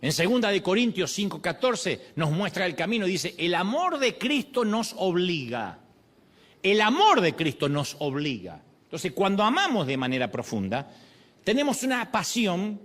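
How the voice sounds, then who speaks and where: A man from Argentina with an Argentine accent, a pastor preaching a sermon in animated storytelling style with rhetorical questions. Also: a little high. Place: church.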